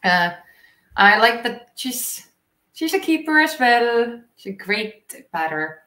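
A young Estonian woman who plays and coaches cricket chats in English during an interview, sounding informal, slightly halting, and giggly. Her fairly high voice swings widely in pitch and sounds pushed and bright. She's seated on a couch in a small indoor room, picked up at some distance by a shared video call microphone, with a roomy echo.

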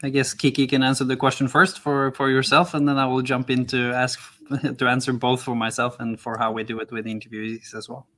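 A man's voice: medium pitch, little pitch movement, a little fast, few pauses, fairly bright tone. A man in his thirties from Norway, a guest on a video call, speaking earnestly and steadily. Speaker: guest, founder.

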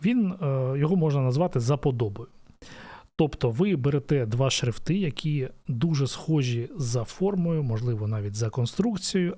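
A man's voice: medium pitch, warm tone. A man explaining a design topic in a casual lesson, thinking aloud with frequent fillers and restarts. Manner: thoughtful, many "e" fillers and restarts. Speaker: design educator.

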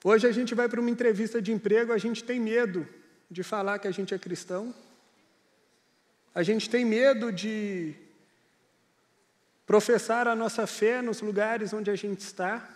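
A male pastor preaches in an earnest, chatty way, telling stories to his listeners. His voice sits very high for a man. It rings out with the long reverb of a church hall. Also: fairly even intonation, measured pace, long pauses. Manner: earnest, conversational storytelling. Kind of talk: sermon.

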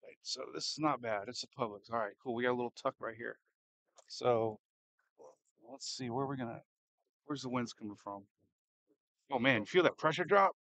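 A man with a bright, forceful voice in a close, dry-sounding recording. He talks like a storm chaser live from behind the wheel, casual and a little edgy, thinking aloud and repeatedly asking questions. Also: mid-range voice, normal speed, long pauses, no echo, rough recording. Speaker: storm chaser and livestream host. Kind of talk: casual live commentary while driving. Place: inside a moving car in a storm.

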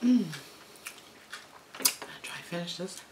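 A woman hosting an eating vlog, chatting slowly and haltingly with her mouth full between bites. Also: mid-range voice, warm tone, a little hiss or hum. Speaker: eating show host. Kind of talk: casual eating vlog chat.

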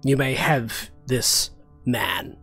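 Haughty devil played by a male game master, deliberate, formal, slow menace for a fantasy game. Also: mid-range voice, creaky, pushed and bright, slightly rough, pitched below the performer's own voice, exaggerated voice. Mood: grudging. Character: haughty, menacing pit fiend devil bargaining with adventurers. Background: music.

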